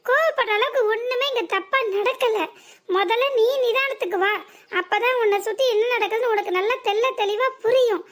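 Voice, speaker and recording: A woman voicing a calm young married daughter in a cartoon serial, who lectures patiently with long strings of rhetorical questions. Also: very high voice, fairly quick. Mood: lecturing, teasing.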